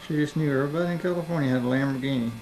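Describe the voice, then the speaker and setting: A man's voice: fairly high pitch, very fast, a little mellow, rough recording. A man behind the camera, casually narrating a house tour on an old VHS home video, recorded indoors on the camcorder's own mic. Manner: casual, matter-of-fact commentary. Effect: old VHS home video tape. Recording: humming, hissy old camcorder tape.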